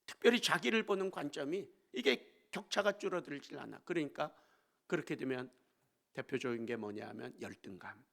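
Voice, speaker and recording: A male pastor preaching a storytelling sermon in a church. He swings between hushed asides and emphatic exclamations. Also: a little high, animated, normal speed, gravelly. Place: church sanctuary.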